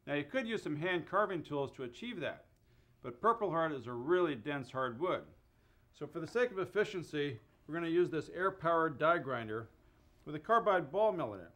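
A man's voice: on the high side, expressive, moderate pace, a bit bright. Middle-aged man explaining woodwork in his workshop. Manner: clear, methodical explaining with mild enthusiasm. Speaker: host and woodworker. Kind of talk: instructional woodworking demonstration. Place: indoor wood workshop.

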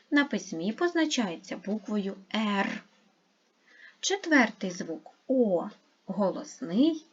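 A woman gives a children's lesson in a slow, deliberate way, spelling out each sound and syllable. Her voice is slightly husky and rises and falls a lot. The recording is a little dull and lo-fi. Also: medium pitch. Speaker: primary school teacher. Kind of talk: online lesson for young pupils.

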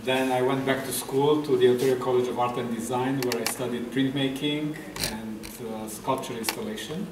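A man's voice: medium pitch, fairly even intonation, normal speed, few pauses, noisy background. A middle-aged man from Romania, a guest artist, talking hesitantly with many fillers at a festival table talk. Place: room with a table, audience. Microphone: table mic on stand. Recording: echoey room, far from mic.

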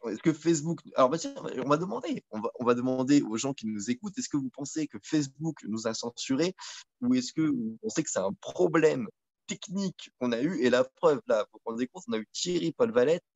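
A man's voice: mid-range voice, sing-song, brisk, gravelly, darkish tone, no room sound. A man hosting a casual live web show from home, chatty and repeating himself, full of fillers. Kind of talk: casual live-stream chat.

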